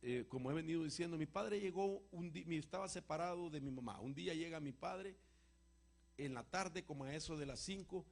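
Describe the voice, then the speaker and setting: Man, gravelly husky voice, fairly high pitch, emotional sermon storytelling, swings from loud to hushed. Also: a little fast. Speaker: apostle answering congregation questions. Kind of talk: preaching with personal testimony.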